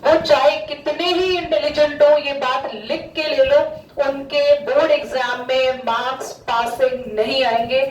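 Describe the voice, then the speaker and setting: A woman's voice: high voice, slight background noise. A woman maths teacher giving a classroom lesson, scolding students and mixing Hindi with English. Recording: echoey room from far off.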